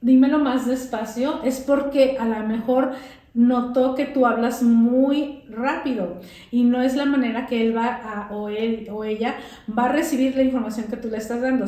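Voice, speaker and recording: Woman teacher explaining stuff with examples, kinda high voice, mellow tone, super echoey room. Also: steady tone. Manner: explanatory, gives examples, pauses to find words. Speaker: English teacher, podcast guest. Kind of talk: casual conversational interview. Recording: very echoey room with faint noise.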